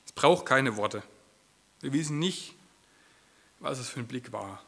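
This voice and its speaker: A man's voice: mid-range voice, lively intonation, a little slow, vocal fry, sharp tone. A man preaching a sermon in church, acting out quoted lines with a shifting voice.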